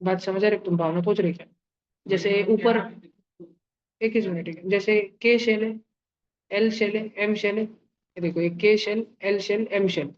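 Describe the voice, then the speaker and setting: Teaching chemistry in a live online class, a man keeps things playful with sound effects and homely comparisons, checking through questions that students are keeping up. His high-pitched voice holds a steady tone at a measured pace, with frequent pauses. The audio is dull.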